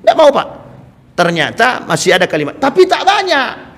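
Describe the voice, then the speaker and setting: High-voiced male preacher in echoing hall. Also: wildly swooping pitch, normal speed, a bit bright. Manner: addresses audience directly, acts out quoted speech. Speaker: Islamic preacher. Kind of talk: sermon. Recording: long hall reverb.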